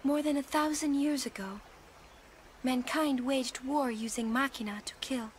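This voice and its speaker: An actress playing a gentle young woman summoner who speaks in a soft, solemn way. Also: high voice, a little slow, slight background noise.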